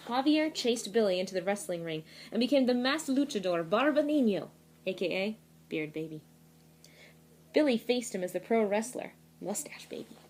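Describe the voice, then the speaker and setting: Teacher lady reading a kids book out loud, stops to explain words, lively. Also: mid-range voice, normal speed, a little hiss or hum. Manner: expressive storytelling with asides explaining words. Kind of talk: reading a picture book aloud to students.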